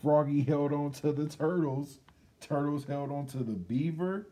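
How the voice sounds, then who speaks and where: This guest storybook reader is a middle-aged man from Detroit, United States, who works for a radio station and speaks with an American accent. Seated indoors at a school library, he reads a children's picture book casually, his fairly high voice unhurried and dark in tone.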